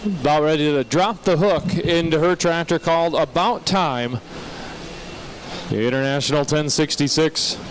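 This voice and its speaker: Folksy American male tractor pull announcer, slightly high voice, outdoors with some engine noise. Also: measured pace. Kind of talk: live tractor pull commentary. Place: outdoor motorsport track. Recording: noisy outdoor event, vehicle engines.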